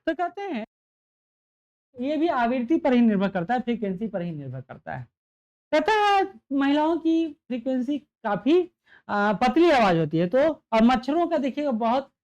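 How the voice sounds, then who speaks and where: A man's voice: very high voice, muffled recording. A man teaching an exam-prep lecture, repeating key points and checking understanding with rhetorical questions. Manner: gets louder and softer to demonstrate sound.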